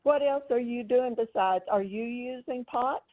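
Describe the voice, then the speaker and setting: Stern woman heard over a phone line, higher voice, tinny sound, lecturing tone. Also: unhurried. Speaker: prank call target. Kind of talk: phone argument.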